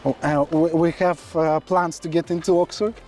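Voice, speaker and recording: A man, interviewing a guest in a halting, pausing way. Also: a little high, flat delivery, a little mellow, faint music behind. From Kazakhstan. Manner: halting, hesitant with frequent pauses. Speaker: interviewer and education agent. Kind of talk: conversational interview.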